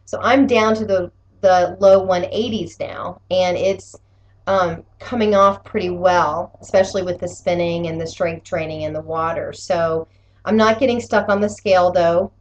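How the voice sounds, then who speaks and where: A woman's voice: fairly low pitch, low-quality recording. A woman chatting casually in a personal update, rambling and often rephrasing herself as she goes. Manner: rambling, conversational, self-correcting. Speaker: vlogger giving weekly health challenge update. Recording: clear steady background room noise.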